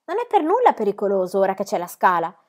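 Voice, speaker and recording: A woman voicing an eager young boy with a high, excited voice. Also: quick pace.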